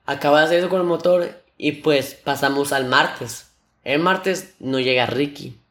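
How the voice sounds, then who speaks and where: A young man with a Mexican accent telling stories on his solo podcast in a slangy, animated way, imitating sounds with his mouth. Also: on the high side, unhurried. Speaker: podcast host. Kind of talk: casual solo podcast storytelling.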